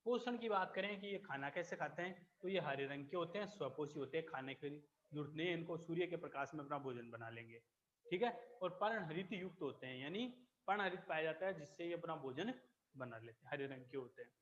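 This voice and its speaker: A man teaching a biology class, explaining slowly, repeating key terms and checking that students follow. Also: fairly high pitch, animated, a bit bright, dull audio, slight background noise. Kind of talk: classroom lecture.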